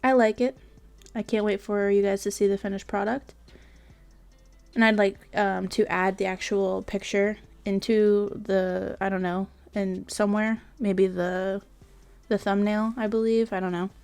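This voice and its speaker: A woman talks loosely through her game build in a casual voice-over, wandering from thought to thought with plenty of fillers and half-finished asides. She sounds tired and a little sleepy, her voice sitting in an ordinary middle pitch. Faint music plays quietly behind her. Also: little pitch movement, measured pace, clear, resonant tone. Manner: rambling, many fillers and trailing asides. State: tired, yawning.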